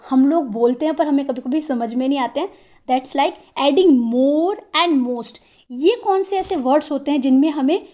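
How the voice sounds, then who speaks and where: A woman teaching an English grammar lesson, explaining patiently and sounding out example words slowly, syllable by syllable, and often checking in with the listener. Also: high-pitched, dark tone. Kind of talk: classroom-style grammar lesson.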